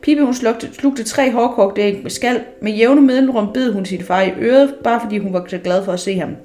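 A woman reading a children's story aloud in a lively way, often tripping over words and restarting. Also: fairly high pitch. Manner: lively read-aloud with frequent slips and restarts.

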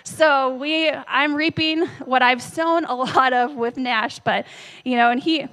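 Woman pastor in her thirties with a slightly high voice, preaching chattily to her church and quizzing the crowd. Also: measured pace, fairly bright tone. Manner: conversational, tells family stories, asks the audience questions. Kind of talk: sermon. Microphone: handheld microphone.

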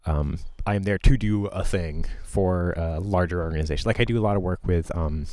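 A man's voice: deep voice, a little fast, darkish tone. A man, a musician guest, giving thoughtful, meandering answers in an interview conversation. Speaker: musician guest, artist in residence.

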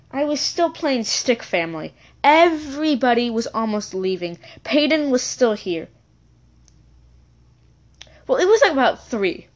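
A woman tells a childhood story in a loose, rambling way, stopping to correct herself and chat with her listeners. Her voice sits high and bounces around a lot in pitch. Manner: rambling, self-correcting, chatty asides. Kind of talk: casual storytelling episode.

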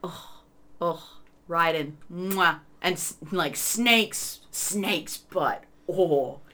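A woman's voice: lowish voice, drawn-out words, bright, forceful tone, slight background noise. A woman co-hosting a podcast in casual chat, enthusiastic and giggly, laughing often. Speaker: podcast co-host.

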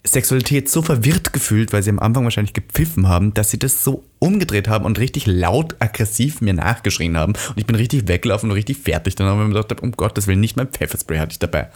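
A man co-hosting a podcast, telling stories in a sassy, animated way. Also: lowish voice, fast, hardly any pauses, breathy edge. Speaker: podcast co-host. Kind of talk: casual chat, storytelling.

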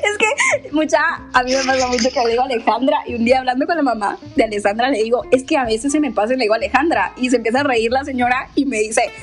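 A high-pitched woman in her late twenties tells stories in a casual chat. She is animated and swears freely, and her voice leaps way up whenever she acts out other people's lines. Soft music plays underneath. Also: fast. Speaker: podcast co-host.

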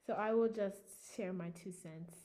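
A woman's voice: mid-range voice, dark tone. A young American woman co-hosting a podcast, chatting casually and giggling often with lots of fillers. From United States. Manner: giggly, many fillers, quick asides. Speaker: podcast co-host. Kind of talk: casual chat.

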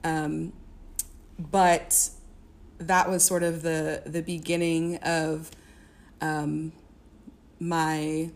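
A woman's voice: low voice, level tone, extremely slow, pauses often. A young woman from the American Midwest, a singer and music therapist, chatting as a podcast guest with many fillers and restarts. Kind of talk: casual interview.

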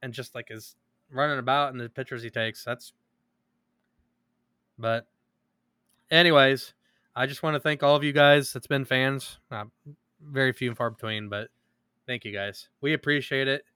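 Bright crisp dude on a podcast, swearing and rambling, dry close mic. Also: male voice, mid-range voice, normal speed, pauses often, dry recording. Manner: profane, laughing, rambling. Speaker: podcast co-host. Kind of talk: casual crude banter.

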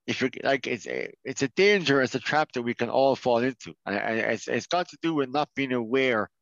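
A man's voice: mid-range voice, animated, brisk, fairly bright tone, dry recording. An Irish man talking earnestly as a podcast guest, often restarting his sentences. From Ireland. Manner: earnest, many restarts and fillers. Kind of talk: casual conversation. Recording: dull, dry sound.

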